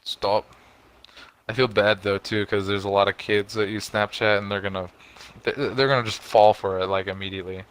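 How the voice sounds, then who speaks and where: A man's voice: moderate pace, clear, resonant tone, rough recording. A young man co-hosting a podcast, chatting casually, swearing often and yelping up when exasperated. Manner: animated, swears a lot, jumps up in pitch when exasperated. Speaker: podcast co-host. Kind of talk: casual chat.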